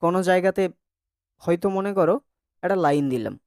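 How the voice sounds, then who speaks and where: A man's voice: sits high, expressive, brisk, a little mellow, no room sound, clean studio sound. A male teacher giving a classroom lesson, asking the class questions and repeating sounds over and over to drill pronunciation. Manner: asks the class checking questions. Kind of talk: classroom lesson on Bengali grammar.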